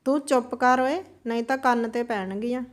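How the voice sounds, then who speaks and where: A woman's voice: on the high side, moderate pace, lightly acted. A woman voicing a stern, impatient father who speaks curtly.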